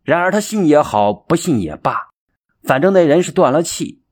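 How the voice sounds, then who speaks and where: Expressive husky male storyteller. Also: fairly high pitch, moderate pace. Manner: expressive, dramatic narration. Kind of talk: audiobook storytelling.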